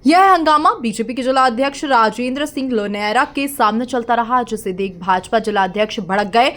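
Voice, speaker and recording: A woman reads a scripted news report. Her voice sits fairly high, and she keeps the delivery even and formal throughout. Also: normal speed. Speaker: news narrator.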